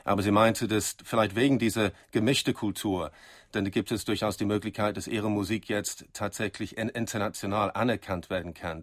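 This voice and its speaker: This late-night radio host has a fairly low-pitched man's voice with no echo, captured on a studio microphone. Chatty and leading, he tacks tags onto his questions while talking with a woman guest and summarizing her replies in German.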